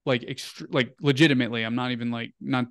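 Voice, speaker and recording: Here a young male guest's story comes out quick and loose, heavy with fillers like "like" and "um." His medium-pitched voice stays steady in tone and a bit bright, captured at studio quality with no room sound.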